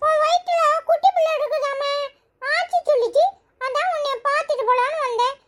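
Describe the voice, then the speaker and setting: A woman voicing a chatty, teasing little village boy in a cartoon, with a squeaky, giggly voice. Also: steady tone, brisk. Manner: teasing, rambling, singsong. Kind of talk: cartoon storytelling.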